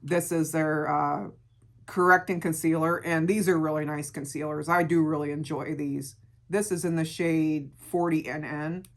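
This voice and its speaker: A middle-aged woman with a gravelly voice, chatting casually through a beauty product review and repeating words for emphasis. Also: low voice, steady tone, moderate pace. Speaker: beauty vlogger.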